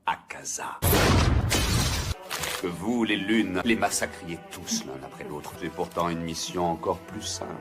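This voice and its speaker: A man with a French accent from France playing an immortal, haughty demon dark lord in an anime dub, imperious and threatening. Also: sits low, moderate pace, few pauses, loud music behind the voice, close to an everyday voice. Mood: cold anger.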